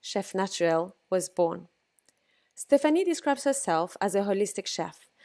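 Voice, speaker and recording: With a darkish, mid-range voice and an accent mixing French and South African, this yoga teacher hosts a podcast. She reads out a lighthearted scripted intro, poses interview questions and slips in playful, teasing remarks.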